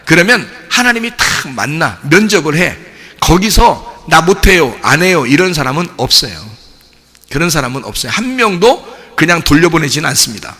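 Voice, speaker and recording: A male pastor preaching a sermon, telling stories with lively acted-out dialogue. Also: a little high. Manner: animated storytelling, acting out dialogue. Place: church sanctuary. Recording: long church hall reverb.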